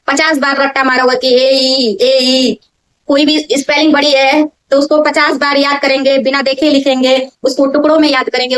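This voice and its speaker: A woman teaching a grammar lesson, explaining step by step, drilling key words slowly and often checking that her students understand. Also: high-pitched, a bit bright, rough recording. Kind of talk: classroom-style lesson. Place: in front of a board.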